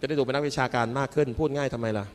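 A man's voice: medium pitch, steady tone, racing, background noise. A man giving a humorous, playful sermon to students as a monk preacher, joking and calling his listeners children. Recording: reverberant hall with faint music.

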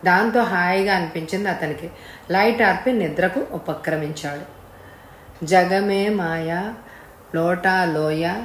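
A woman narrates a story in a steady, plain manner. Her voice rings in an echoey room with a faint hiss underneath. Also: fairly low pitch. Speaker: audiobook reader.

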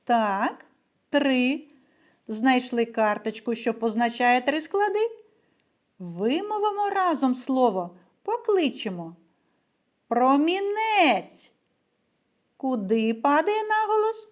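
A woman teacher giving a literacy lesson to young children, stretching out words slowly and clearly so they can repeat after her. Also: sits high, sing-song. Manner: slow, carefully stressed words for children to repeat. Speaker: primary school teacher.

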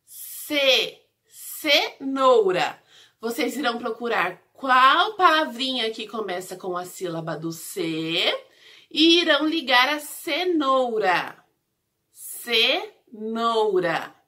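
A bright, lively woman leads a lesson for little children. She speaks very slowly and in a sing-song way, stretching and repeating syllables so they can follow. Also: on the high side. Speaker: preschool teacher. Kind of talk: recorded lesson for young children.

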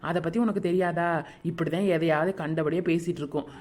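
A woman's voice: on the low side, steady tone, a little mellow, close to an everyday voice. A woman voicing a blunt, chatty village neighbor in a cartoon, with a Kanyakumari Tamil accent. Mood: soothing. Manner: brisk, blunt.

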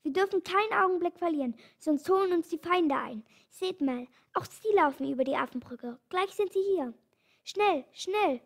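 Storybook doctor, old and kind, read by a woman, urgent, high-ish. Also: moderate pace, creaky, few pauses. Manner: urgent, pressing others on. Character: kindly hurrying old male doctor.

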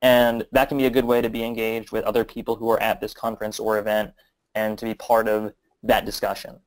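A man's voice: lowish voice, completely flat delivery, a little fast, poor audio. A man answering audience questions in a webinar, talking loosely with many fillers and restarts. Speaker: guest marketing expert.

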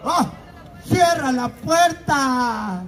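High-voiced Mexican man clowning before a crowd. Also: animated, extremely slow. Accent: Mexican, Guerrero. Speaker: street clown comedian. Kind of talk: comic street show banter. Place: outdoor public plaza at night. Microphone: handheld mic through PA, filmed from audience. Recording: amplified outdoor speaker amid crowd.

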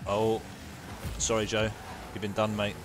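A young man giving live, excitable commentary over his own gameplay, laughing often and gasping at big plays. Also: on the low side, unhurried, over music. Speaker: gaming YouTuber.

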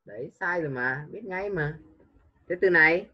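A man's voice: a little high, animated, normal speed, highs cut off. A tired man tutoring English over a video call, repeating words and correcting pronunciation with teasing remarks. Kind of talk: online one-on-one lesson.

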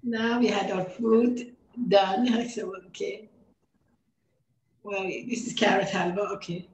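A woman's voice: mid-range voice, steady tone, slow pace, slight background noise. A woman with a Persian accent, a native Persian speaker, cheerfully talking through a cooking demonstration and laughing often. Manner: cheerful, laughs often, warm enthusiasm about food. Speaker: cookbook author giving a cooking demo. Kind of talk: casual cooking demonstration talk. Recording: echoey room.

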